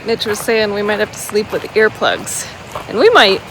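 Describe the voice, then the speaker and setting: A woman vlogging casually outdoors by a babbling creek, with loud water rushing behind her. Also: mid-range voice, background noise. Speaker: vlog host. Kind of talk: casual outdoor vlog chat.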